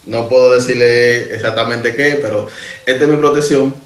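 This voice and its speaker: A man in a mid-pitched voice tells his own supernatural story in a casual, conversational way. He turns to his listeners often as he goes. The room around him is echoey. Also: normal speed. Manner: animated, conversational, speaks directly to listeners. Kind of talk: casual first-person storytelling.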